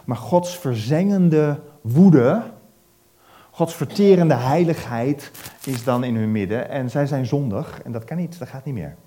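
A man preaching, retelling a Bible story in a lively way and asking his listeners questions. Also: mid-range voice, normal speed, slight background noise.

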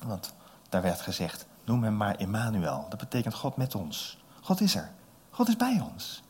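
Male preacher from the Netherlands, low husky voice, animated sermon with voiced-out scenes. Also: moderate pace. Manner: animated, acts out disciples' voices, swings from loud to soft.

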